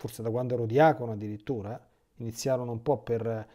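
This is a mellow, warm-toned male priest from Italy giving a catechesis talk. He moves between reading a devotional text aloud and off-the-cuff asides to his listeners. His pitch sits in an ordinary middle range. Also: quick pace. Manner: reads a text aloud, breaking off into lively spontaneous asides.

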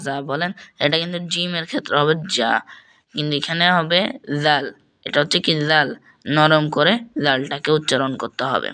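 A man's voice: on the high side, bright, forceful tone. A man teaching how to correct common mistakes in reciting, speaking straight to his viewers and repeating each point several times. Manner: addresses viewers directly as "respected viewers". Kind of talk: tutorial on correcting pronunciation.

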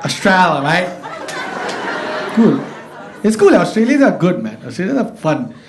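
An Indian man in his thirties works the crowd on a comedy club stage, teasing and joking in Indian English with a higher pitch than most men. Laughter from the audience and a light hiss stay behind him. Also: very animated, a little slow. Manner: playful, teasing, switching into Hindi. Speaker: stand-up comedian. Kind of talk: stand-up comedy with crowd work. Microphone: handheld mic.

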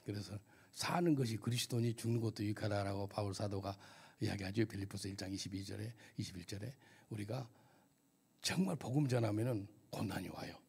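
A man's voice: on the low side, brisk, gravelly, a little mellow, breathy edge. A missionary pastor giving a testimony sermon at a church service, telling his story vividly and asking the audience questions.

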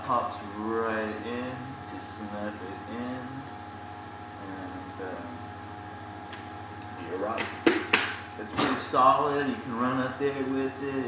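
Guy talking thru his face mask, low flat voice, lots of ums, echoey and noisy. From California. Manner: rambling, many fillers. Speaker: paintball gear reviewer. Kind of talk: casual product review. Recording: echoey, distant, noisy room.

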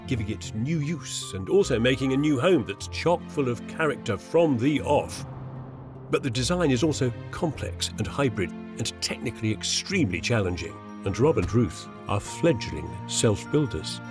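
An older man narrates a documentary with a wry, enthusiastic delivery. His pitch rises and falls in a lively way. Music plays clearly behind him. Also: moderate pace. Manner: wry, enthusiastic, theatrical exclamations. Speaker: TV presenter. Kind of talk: documentary narration and on-site interviews. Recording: music bed under narration.

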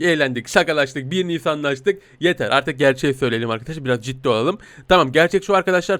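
A man's voice: medium pitch, a bit bright, no echo. A man giving playful, teasing game commentary as a talking cat, giggling often. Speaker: gaming YouTuber playing a talking cat.

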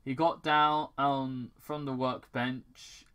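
The voice is mid-range, a bit bright, clear and resonant, though the delivery is flat. A British amateur is reading fan fiction aloud, stumbling over words, correcting themselves, and breaking away from the text to ad-lib.

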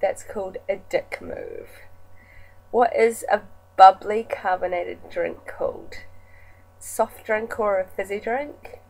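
Slow-talking young New Zealand woman. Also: mid-range voice, wildly swooping pitch, vocal fry, darkish tone, poor audio. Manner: slow, casual and chatty, reading words off a list. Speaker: vlogger. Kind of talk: casual accent challenge reading a word list.

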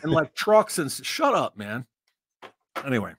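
A man's voice: mid-range voice, very animated, moderate pace, fairly bright tone, slightly rough, dry recording, studio quality. A man chatting casually on a stream, easygoing and joking, sometimes hesitant. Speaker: co-host, toy channel guest. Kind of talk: casual chat.

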